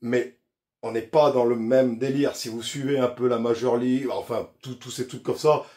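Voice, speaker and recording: A man's voice: medium pitch, steady tone, moderate pace, darkish tone. A man hosting a casual fishing vlog, talking straight to the viewer in a chatty, slangy way with restarts and asides. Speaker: fishing YouTuber.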